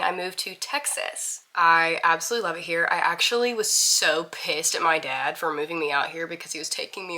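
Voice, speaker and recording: Young woman in her twenties from Mississippi, casual vlogger, bright and a touch low, candid chatter. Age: 20s. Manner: chatty, candid, laughs at herself. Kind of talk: casual to-camera intro vlog.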